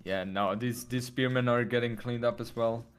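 A man co-casting a strategy game tournament he hosts, speaking in a calm, low-key way with short agreements. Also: moderate pace, faint music behind. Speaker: tournament host and co-caster. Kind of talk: esports commentary.

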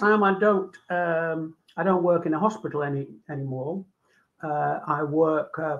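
A guest doctor, an older man from Manchester, England, with a Manchester accent, talks about his work and life in a casual video call interview from a room at home, full of ums and repeated words. His voice is on the high side, gravelly and a little mellow, and the audio is dull, lo-fi video call sound.

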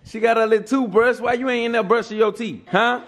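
A man's voice: very high-pitched, steady tone, quick pace, fairly bright tone. A young man vlogging casually, joking and teasing the kids around him. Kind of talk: casual vlog banter. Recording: crowd noise behind.

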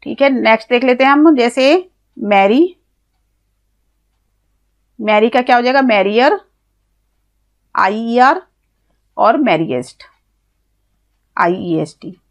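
A woman's voice: fairly high pitch, expressive, slow pace, long pauses. Indian woman teaching grammar, step by step. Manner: explains step by step, spelling words out letter by letter; asks questions to the viewer, then answers them herself. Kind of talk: classroom-style grammar lesson.

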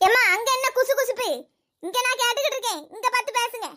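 A woman playing a shrill bossy village hen-owner. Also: bright, forceful tone. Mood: questioning. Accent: Thoothukudi Tamil. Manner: scolding and haggling, rapid village banter.

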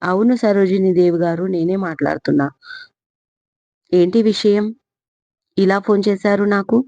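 A woman's voice: mid-range voice, normal speed, dark tone, no room sound, lightly acted. A woman doing a cold, evasive man on the phone. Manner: dismissive, cold. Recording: slightly dull lo-fi recording.

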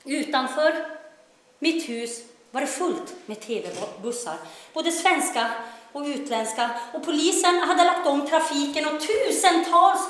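High-pitched, wry and troubled God's daughter, played by a woman, loud bursts and hushed telling, booming stage echo. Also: expressive. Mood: storytelling. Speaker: stage actor in a monologue. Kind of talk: theatrical monologue. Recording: very echoey stage room.

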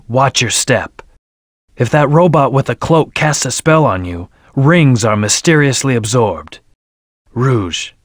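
An actor playing a brooding, cocky hedgehog antihero in a video game, speaking in a terse, stern, commanding manner. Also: male voice, mid-range voice, dry recording, clean studio sound. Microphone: close, dry studio recording.

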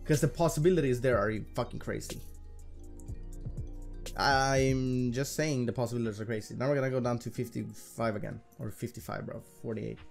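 A man's voice: mid-range voice, steady tone, fairly quick, creaky. Slangy male slots streamer over music. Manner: profane, slangy bro talk. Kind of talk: casual gambling commentary to viewers. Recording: music behind the voice.

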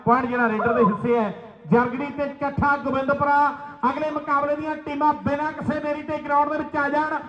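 A man giving excited live kabaddi commentary, repeating players' names and phrases. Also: extremely high pitch, quick pace, reverberant, lo-fi sound. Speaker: kabaddi match commentator and announcer. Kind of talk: live rural sports commentary. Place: outdoor village sports ground.

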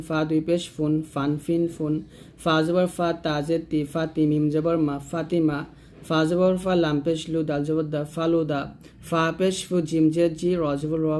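Guy teaching quran letters, chants the drills over and over, voice a bit high. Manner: chanting letter-vowel drills in steady rhythm. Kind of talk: spelling-drill lesson.

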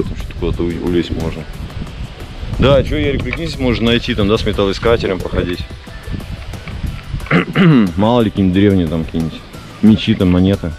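A man chatting enthusiastically and casually while walking around an outdoor jungle site, with lots of fillers. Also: fairly low pitch. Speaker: vlogger touring a building site. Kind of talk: casual walk-and-talk. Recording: loud music over the voice.

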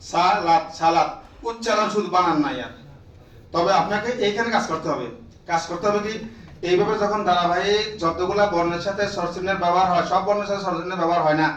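A high-voiced man gives a classroom lecture to teachers and keeps firing questions at the room to make them answer. The sound is roomy and echoing, picked up from a mic some distance away. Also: a bit bright. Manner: drills the room with repeated questions, prods listeners. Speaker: teacher trainer.

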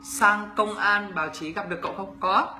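This high-sitting, pushed, bright male voice belongs to a young YouTuber from Bac Ninh in northern Vietnam with a Northern Vietnamese accent. On a casual livestream he reads viewer questions and comments aloud, teasing people as he replies, with fairly even intonation at a moderate pace. The sound is reverberant over soft background music.

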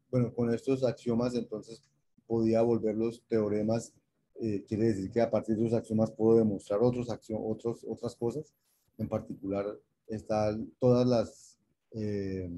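A man's voice: on the low side, dark tone, husky. A man giving a recorded university lecture over shared slides, explaining step by step with many fillers and restarts. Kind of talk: recorded online math lecture.

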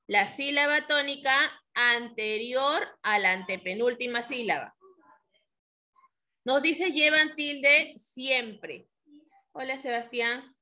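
Maestra peruana, voz clara y brillante, habla pausada, pregunta a sus alumnos en el aula. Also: female voice, high voice, sharp tone. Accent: Peruvian Spanish. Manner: slow, patient, asks the class questions. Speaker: teacher. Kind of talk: classroom lesson. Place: classroom.

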